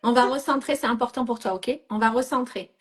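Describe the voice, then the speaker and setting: A woman's voice: on the high side, fairly quick. Directive French-speaking woman coach. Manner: directive, checks in with "d'accord?" and "ok?"; mixes English phrases into French. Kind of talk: live coaching session.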